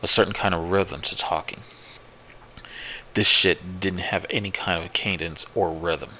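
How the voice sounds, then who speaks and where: A man narrating a first-person horror story in a profane, repetitive, unhurried way. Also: sits low, steady tone, bright, forceful tone, a little hiss or hum, rough recording. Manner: profane, slow, repetitive retelling.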